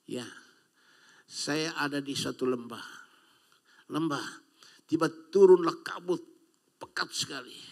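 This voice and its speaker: Older male pastor from Indonesia, slightly high voice, preaching with calls and amens. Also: takes it slowly, long pauses, a little mellow. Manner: call-and-response preaching with frequent amens. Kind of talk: sermon.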